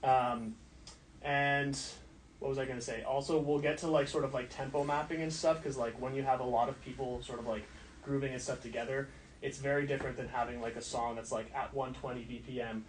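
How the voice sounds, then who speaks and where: Talking a little fast with fairly even intonation, a man with a medium-pitched voice gives a casual tour of a recording studio as its engineer. His explanation rambles and is heavy on filler words. The distant mic yields a roomy sound with slight hiss or hum.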